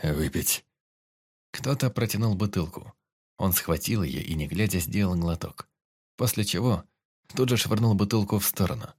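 A man narrating an audiobook in a steady, even storytelling manner. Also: on the low side, normal speed, husky, no room sound.

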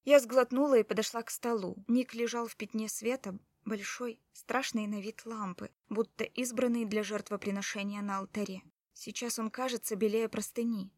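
A woman's voice: fairly high pitch, darkish tone, dry recording, studio quality. A woman reading a first-person story aloud in an emotional, urgent way. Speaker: narrator. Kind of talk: first-person audiobook narration.

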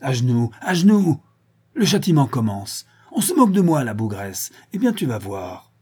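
A man voicing a cruel, unhinged male villain in an audiobook reading, ranting and gloating, swinging between loud shouts and low hisses. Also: expressive, a little slow, breathy edge. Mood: raging.

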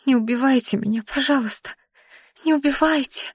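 A woman's voice: on the high side, normal speed, no echo, studio quality, voice pushed up, lightly acted. A woman voicing a terrified young girl, stammering. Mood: pleading. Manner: stammering, whimpering, pleading. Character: frightened young girl pleading, tearful. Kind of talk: audiobook character voice.

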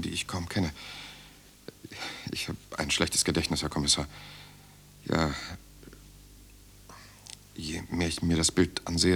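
In a 1970s German radio drama mixing inner monologue and dialogue, a deep-voiced male political prisoner, weary and defiant, recalls his interrogation. His exaggerated delivery is grave, measured, guarded and inward, with vocal fry and a fairly bright tone, sometimes sinking to a murmur. Slight background noise is present.

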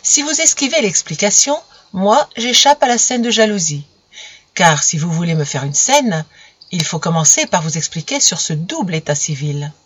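A man's voice: sits high, big pitch swings, moderate pace, fairly bright tone, husky, dull audio, exaggerated voice. A narrator voicing a young male politician who answers with glib, teasing composure in an audiobook. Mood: mocking. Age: young adult. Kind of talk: audiobook character voice.

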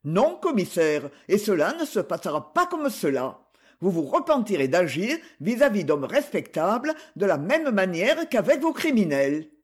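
A man's voice: sits high, big pitch swings, moderate pace, breathy edge, heavily acted. A man reading an audiobook, voicing an indignant, pompous male government official who blusters at a police officer.

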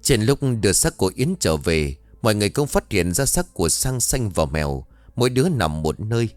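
A man narrating a horror story in a measured, expressive storytelling voice. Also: on the low side, no echo. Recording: dry studio voice-over with faint music.

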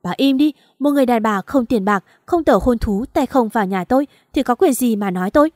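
A woman's voice: on the high side, lively intonation, a little fast, a little mellow, dry recording, studio quality. A woman reading an audiobook and voicing a harsh, scornful older husband. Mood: shouting. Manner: scolding, contemptuous.

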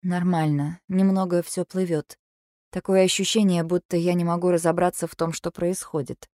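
A woman voicing an exhausted, anxious young mother who pleads and rises to shouts. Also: lowish voice, flat delivery, normal speed, dry recording, studio quality, close to an everyday voice. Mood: dazed.

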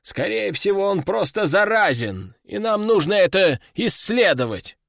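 A man's voice: high-pitched, big pitch swings, measured pace, gravelly, a bit bright, dry recording, clean studio sound, exaggerated voice. A man voicing a stern, domineering old male sorcerer in an audiobook, giving harsh orders. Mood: dismissive. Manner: commanding and harsh. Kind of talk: audiobook character voice.

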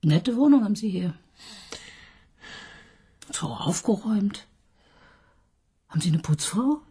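In a radio play, an actress voices an ironic female police inspector who teases, coaxes, and mocks, often sinking into a whisper. Her medium-pitched voice is animated, warm, and breathy, delivered slowly and heavily acted.

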